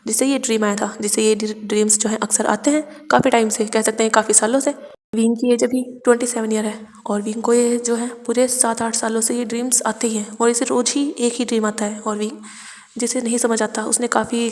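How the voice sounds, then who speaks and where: Flat-voiced woman narrating a story recap. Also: on the high side, big-room sound. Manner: conversational, many filler restarts. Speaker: fan fiction story narrator.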